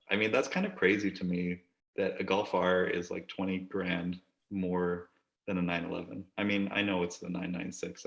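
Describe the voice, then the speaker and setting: A low, gravelly man talks in a flat, even voice, rambling and joking as he co-hosts a casual chat. The room around him rings with echo. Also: dull audio. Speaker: podcast co-host. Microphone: desk camera.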